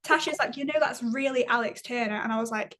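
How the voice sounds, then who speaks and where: A woman's voice: a little high, fast, a bit bright. A young woman from England with a northern English accent, hosting a casual podcast chat, giggly and self-mocking. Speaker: podcast host.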